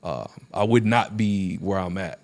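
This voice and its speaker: A man with a fairly low voice chats as a podcast guest. He tells stories in a loose, slangy way and acts out what people said. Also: unhurried, creaky. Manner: slangy, animated quoting of himself and others. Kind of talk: casual conversational storytelling.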